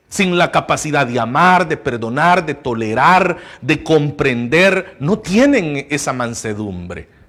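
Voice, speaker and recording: A man preaching a sermon as pastor of a church, passionate, rising to loud emphasis and dropping to hushed tones, and asking his listeners rhetorical questions. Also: a little high. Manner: asks the congregation rhetorical questions.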